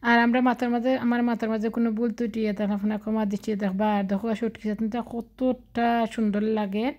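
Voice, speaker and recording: A woman with a Sylheti accent narrates her home cooking video, talking the viewer through each step in a chatty, casual way. Her voice is mellow and warm, and her pitch stays fairly even and level. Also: quick pace, highs cut off. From Sylhet, Bangladesh. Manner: chatty, explains each step while grinding on a stone. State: feeling unwell. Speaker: cooking vlogger.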